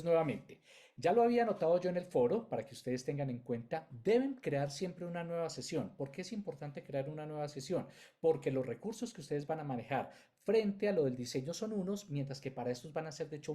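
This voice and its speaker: Slightly high, dark-toned male teacher. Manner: explanatory, speaks in loose chained phrases. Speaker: music and sound teacher. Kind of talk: online class lecture.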